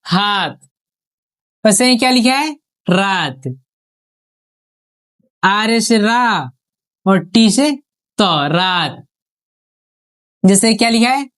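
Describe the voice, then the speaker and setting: Slow, syllable-stretching woman teacher. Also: animated. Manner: asks questions and answers them herself, stretching out each syllable; dropping pitch on each finished word. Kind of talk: online spelling lesson.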